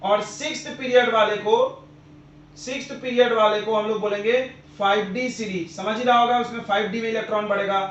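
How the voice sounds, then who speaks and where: A man's voice: high-pitched, fairly even intonation, a little fast, a bit bright, slight background noise. A man who is a chemistry teacher, giving a classroom lecture and drilling his students with repeated questions and answers. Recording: roomy, dull lo-fi classroom recording.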